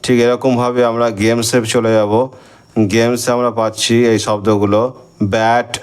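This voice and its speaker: A man with a Bengali accent teaching English grammar to schoolchildren, slowly spelling out words letter by letter and counting their syllables. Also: mid-range voice, little pitch movement, smooth. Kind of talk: recorded lesson for schoolchildren.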